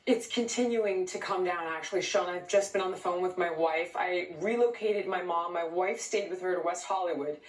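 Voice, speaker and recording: A woman from California speaking as a guest in a heated interview, outraged and emphatic, firing off points rapidly. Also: on the low side, reverberant, distant mic, rough recording.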